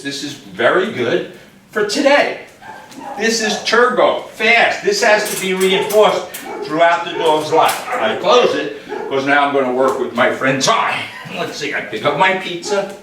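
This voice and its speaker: A man working as a dog trainer, calmly explaining a hands-on demonstration and giving short commands to dogs. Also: on the high side, unhurried. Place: room in a house. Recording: echoey room, mic far off, background noise.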